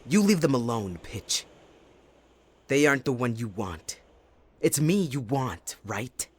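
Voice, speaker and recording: A man playing Jack Frost, a playful, possessive young winter spirit, with a husky voice in a dramatic, intimate ASMR roleplay. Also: mid-range voice, sing-song, takes it slowly, full character voice. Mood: defiant. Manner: teasing, dramatic, addressing the listener closely.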